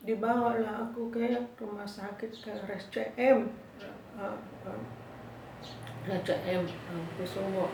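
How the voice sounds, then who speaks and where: Woman giving an echoey church testimony. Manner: addresses listeners as brothers and sisters, grows loud and high when reliving fear. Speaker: testimony speaker. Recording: echoey room, voice from far off, faint noise.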